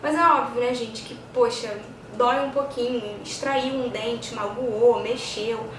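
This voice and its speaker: A Brazilian woman with a fairly high voice talks casually to her viewers in an explanatory, conversational way. She sounds set back from the microphone in an echoey room, with clear noise behind her. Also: fairly even intonation, a little slow. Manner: conversational, explanatory, with frequent check-in tags. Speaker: vlogger. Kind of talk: casual chat to camera. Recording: echoey, distant mic, clear background noise.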